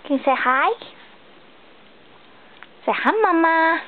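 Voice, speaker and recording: A woman as a mother, talking to her baby in doting, coaxing baby talk. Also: very high voice. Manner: sing-song, doting, slow and coaxing. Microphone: phone camera. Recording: tinny phone-like sound with faint noise.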